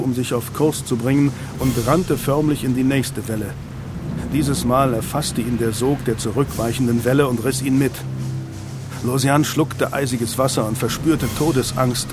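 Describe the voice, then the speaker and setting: Brief: male audiobook narrator, mid pitch, steady storytelling, music bed. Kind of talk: scripted narration.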